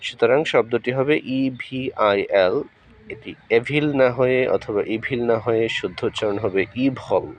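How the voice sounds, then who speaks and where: A man's voice: mid-range voice, normal speed, slight background noise. A man with a Bengali accent teaching English pronunciation while walking, spelling words out letter by letter and switching between Bengali and English. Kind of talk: walking vlog-style lesson.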